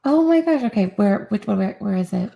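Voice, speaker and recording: A woman's voice: mid-range voice, animated, moderate pace, creaky, mellow. A woman hosting a casual live stream, flirty and reacting with lots of exclamations.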